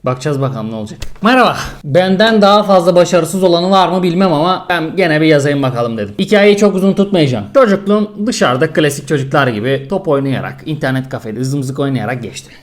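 A man's voice: fairly high pitch, expressive, quick pace, few pauses. A young man from Turkey reading a viewer's mail aloud on his channel, joking in slang and chiming in with his own comments. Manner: slangy, joking, mimics voices while reading. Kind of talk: casual comedic reading and commentary.

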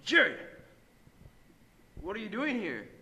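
A man's voice: mid-range voice, sing-song, moderate pace, a little hiss or hum, lightly acted. A young man playing an indignant secret agent, melodramatic and exclaiming, in an amateur spy spoof. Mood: betrayed, indignant. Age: young adult. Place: school rooms.

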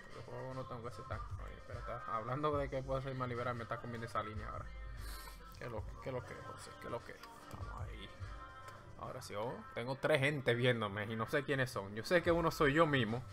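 A man with a Dominican Spanish accent talks a little fast at medium pitch over music. Streaming live from home while he draws, he keeps up a playful, rambling, joking commentary into a desk microphone.

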